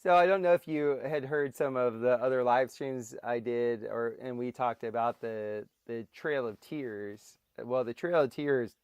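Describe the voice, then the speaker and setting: A man with a smooth, resonant voice talks in a loose, rambling way, trading jokes as he hosts a casual livestream. The sound is close and dry, with no room around it. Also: mid-range voice, a little slow, few pauses, a little mellow, no echo. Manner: rambling, jokey storyteller. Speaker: livestream host. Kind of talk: casual chat. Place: outdoor porch.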